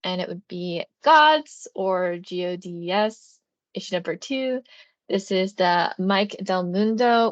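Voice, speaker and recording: A woman's voice: mid-range voice, no echo. Woman, co-host, casual chat, filler-heavy, muffled, dry. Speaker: co-host, comics sales.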